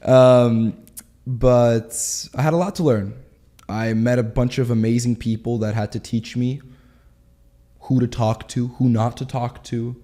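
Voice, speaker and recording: A man of twenty, telling his story in a candid interview in quick, animated bursts. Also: mid-range voice. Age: 20s. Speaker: guest.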